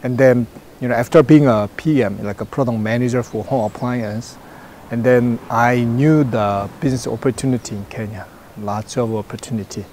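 Man, 40s, halting English full of fillers, mellow, faint outdoor hiss. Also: mid-range voice, fairly even intonation. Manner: halting non-native English with many fillers. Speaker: product manager interviewee. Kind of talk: interview answers. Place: outdoors in front of a branded backdrop. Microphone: lapel mic.

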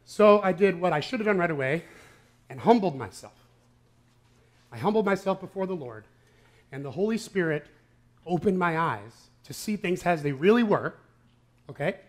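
High-voiced casual male pastor. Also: animated, normal speed, long pauses. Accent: Upper Midwest American. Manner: casual, asks "right?" and "okay?" often. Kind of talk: conversational sermon. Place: church sanctuary.

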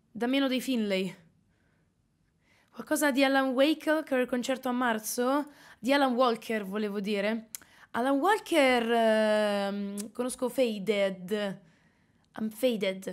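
A Milanese woman chatting casually on a live stream, animated and slightly hoarse, with quick asides to her chat. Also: a little high. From Italy. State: slightly hoarse after concerts.

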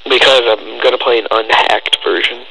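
A man's voice: mid-range voice, steady tone, moderate pace, gravelly, noisy background. A young man teasing his friend and joking during the recording of a game playthrough. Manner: teasing, joking, talks over the host. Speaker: co-host. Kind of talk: casual banter.

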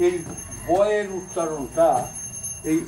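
Bangladeshi guy teaching bengali grammar, high voice, kinda far off in an echoey room. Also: warm tone, soft background music. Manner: explains slowly and repeats sounds to demonstrate them. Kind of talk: classroom lecture. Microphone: phone camera from across the room.

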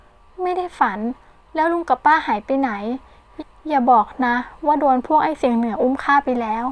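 A woman voicing a shrill, quick-tempered young woman in an audiobook, drawing out her complaints with emphasis. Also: close to an everyday voice. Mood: shocked. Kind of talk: audiobook character reading.

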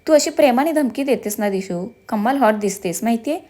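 Cheeky young husband who keeps teasing his wife, a lady reading him in a story, highish voice. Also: expressive, a little fast, a little mellow. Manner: teasing, joking.

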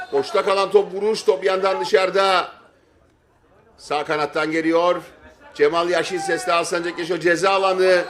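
A man giving excited football play-by-play in clipped short phrases, shouting and stretching out his calls at big moments. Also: sits high. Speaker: football match commentator. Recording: stadium crowd noise behind voice. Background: football crowd.

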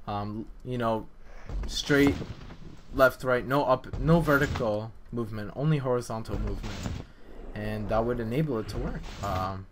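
Heavy background noise surrounds a mid-range male voice. The speaker, who built the game map, narrates a dev vlog with rambling, self-deprecating gameplay commentary that is casual and hesitant.

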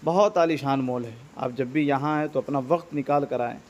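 The recording is muffled, with loud noise from the mall and traffic behind a young man's mid-range voice at normal speed. He's making a casual walking vlog on a phone at arm's length, saying "ye dekhiye" as he points things out through a large mall, then onto the street and a metro.

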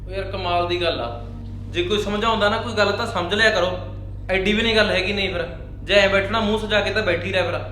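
A man's voice: fast talker, bright, forceful tone, slight background noise. An actor with a Punjabi accent playing a young husband who lectures his wife and soothes his parents in a short drama. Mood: exasperated. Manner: firm, lecturing, mostly low-voiced. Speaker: son and husband. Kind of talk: Punjabi short film acting.

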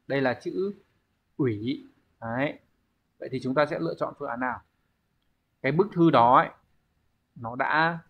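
A man with a mid-range voice leads a language exam review lesson, explaining step by step and often asking the class to confirm. The audio sounds dull.

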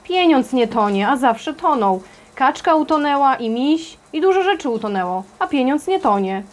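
A woman's voice: sits high, animated, normal speed. A woman voicing a dreamy little girl who explains things in a naive, matter-of-fact way. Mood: earnest.

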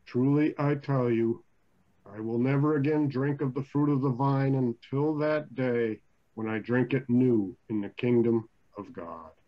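An older man reading the part of Jesus, a solemn teacher, in a measured dramatic scripture reading. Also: mid-range voice, close to an everyday voice. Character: Jesus, solemn male teacher addressing his disciples. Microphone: video call. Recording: dull video-call audio.

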